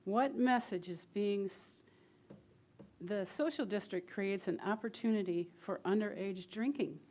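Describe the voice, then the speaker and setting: A woman's voice: mid-range voice, a little mellow. A woman giving a prepared public comment at a city council meeting, reading earnestly.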